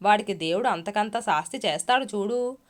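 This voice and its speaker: A woman's voice: mid-range voice, normal speed, natural voice. Storybook role: shrewish middle-aged mother, harsh and scolding, read by a woman narrator. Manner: harsh, cursing, shouting.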